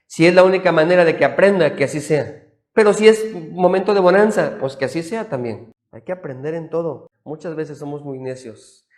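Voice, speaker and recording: A man, a pastor preaching a sermon with emphatic storytelling that drops to quiet, soft tones. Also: on the high side. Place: church, streamed live.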